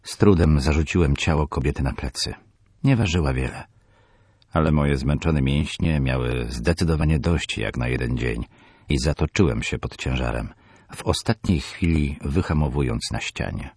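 A man narrating a horror audiobook in the first person, measured and tense. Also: very deep voice, darkish tone, husky, no room sound, clean studio sound.

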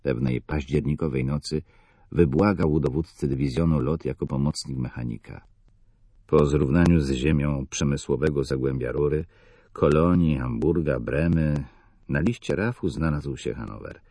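A man narrating a novel in the first person, measured and somber. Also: very deep voice, dark tone, no echo. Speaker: audiobook narrator.

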